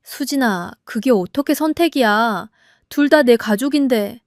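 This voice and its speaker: An earnest young husband pleads with his family but holds his ground, as a woman lowers her voice to play him. He speaks steadily and seriously, close to the mic. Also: lively intonation, unhurried, dry recording.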